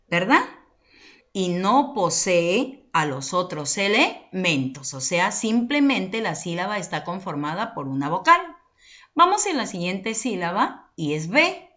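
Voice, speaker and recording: A woman's voice: mid-range voice, a bit bright, lo-fi sound. A woman teaching an online class for children, patiently explaining and asking check-in questions.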